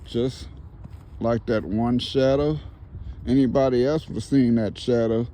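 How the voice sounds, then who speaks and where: A man's voice: mid-range voice, steady tone, a little slow, mellow. A man speaking casually as a paranormal investigator, putting questions to spirits and commenting to the camera outdoors. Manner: repeats the answers back as questions. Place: outdoors near woods.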